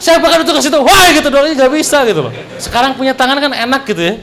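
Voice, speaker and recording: A young man, telling stories in an animated, jokey way as he speaks to an audience at a religious talk. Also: extremely high pitch, very fast. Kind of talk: humorous storytelling in a religious talk.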